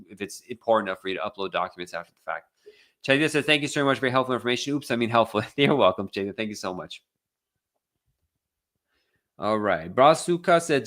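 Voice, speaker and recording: An American man with a bright, forceful, mid-range voice hosts a casual live Q&A as an immigration attorney. He reads viewer questions aloud and answers them bluntly, with many fillers and restarts.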